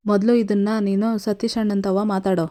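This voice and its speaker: A woman's voice: mid-range voice, level tone, fairly quick, dark tone, lightly acted. A woman voicing a young college friend who scolds and then comforts, in her own plain voice. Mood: scolding.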